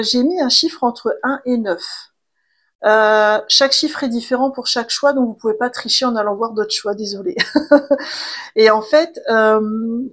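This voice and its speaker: Woman, tarot reader, higher-pitched, gentle and chatty, casual guidance tone. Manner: gentle, chatty, many fillers and restarts. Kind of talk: casual spiritual card reading.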